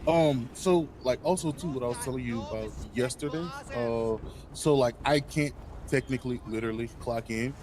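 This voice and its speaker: A man's voice: mid-range voice, moderate pace. A young man from Baltimore role-playing a sheriff's deputy in a game, talking hesitantly with lots of ums and likes. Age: young adult. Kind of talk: in-character game role-play. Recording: noisy game audio with traffic sounds.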